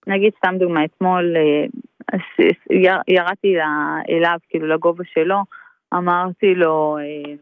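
A woman's voice: lowish voice, steady tone, clean tone, no echo. A woman calling in as a mother, telling her story hesitantly with many fillers. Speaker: caller, mother. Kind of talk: call-in conversation. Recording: tinny phone line.

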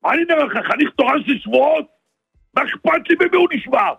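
A man's voice: extremely high pitch, animated, creaky, a bit bright, no echo, lo-fi sound. A man performing a comic phone sketch on the radio, swerving animatedly between voices. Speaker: radio comedian.

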